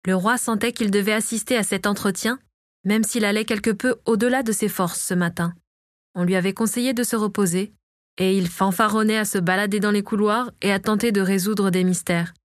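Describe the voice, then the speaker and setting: Woman narrator, audiobook reading, dry close voice, mid pitch, measured. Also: steady tone, no room sound.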